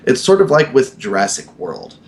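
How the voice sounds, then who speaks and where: A man's voice: medium pitch, huge pitch swings, moderate pace. A man in his mid-twenties chatting casually on a podcast, rambling with lots of fillers and swearing freely. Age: 20s. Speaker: podcast co-host. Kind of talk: casual chat.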